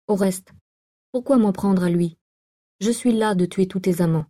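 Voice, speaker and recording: Brief: woman reader voicing a brooding jealous young man, low, dark and mellow tone, storybook reading. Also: normal speed, natural voice. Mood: threatening.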